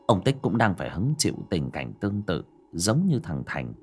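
A man narrating a dramatic audiobook story, swinging between loud and hushed delivery. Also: sits low, big pitch swings, moderate pace, slightly rough, soft background music.

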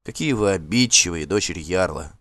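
A man reading the lines of a gentle young warrior, kind and softly pleading with a girl he cares for. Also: low-pitched, expressive, a little fast, dry recording.

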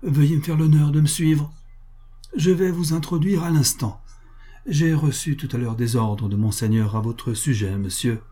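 A man's voice: on the high side, normal speed, dark tone, slightly rough, voice pushed up. A man voicing a courteous young aide-de-camp in a storybook reading, earnest and deferential.

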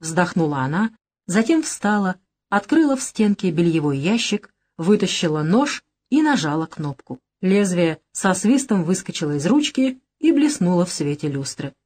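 A woman narrating an action novel audiobook with expressive, animated storytelling. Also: on the low side, normal speed.

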